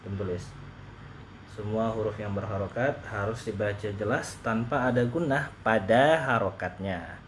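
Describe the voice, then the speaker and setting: A man's voice: fairly low pitch, a little hiss or hum. Patient male Quran teacher demonstrating sounds. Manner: patient, repeats rules slowly and demonstrates sounds. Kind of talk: relaxed online tajwid lesson.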